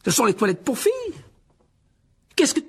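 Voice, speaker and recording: A man with a gravelly voice reading a storybook, voicing a pompous, bossy teenage school prefect in a stern, scolding tone. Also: high-pitched, lively intonation, very fast, voice pushed up, exaggerated voice. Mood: outraged.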